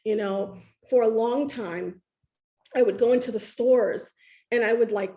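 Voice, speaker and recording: A woman's voice: on the high side, a little slow, mellow. A woman telling her story over a video call in an effusive, emotional way, with many fillers. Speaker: guest sharing her story. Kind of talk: casual video-call chat.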